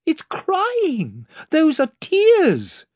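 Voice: high voice, wildly swooping pitch, very slow, no echo, clean studio sound, pitched above the performer's own voice, exaggerated voice. A reader voicing a kind, earnest young girl in an audiobook. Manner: earnest, compassionate. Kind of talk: audiobook reading.

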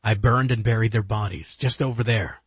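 A man voicing an older retired agent, a grave and weary father, in a husky voice close to his own. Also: lowish voice, moderate pace, no room sound. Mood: earnest. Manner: grave, earnest.

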